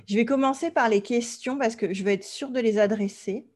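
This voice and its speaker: A French woman leads an online language class. She explains things patiently and plainly, pausing to make sure her students are following along. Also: a little high, darkish tone. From France. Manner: clear, patient explaining, often checks with "d'accord?". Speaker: French teacher.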